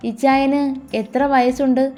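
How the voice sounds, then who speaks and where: A tender, pleading middle-aged wife speaks with a raised, emotional voice, as a woman narrator puts her on. Her tone sits high and soft, with faint music in the background. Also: little pitch movement, normal speed, natural voice.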